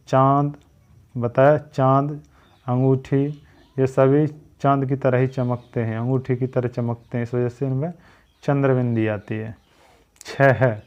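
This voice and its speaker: A man's voice: mid-range voice, a little mellow. A man teaching a spelling lesson, drilling each word by repeating its wrong and right forms.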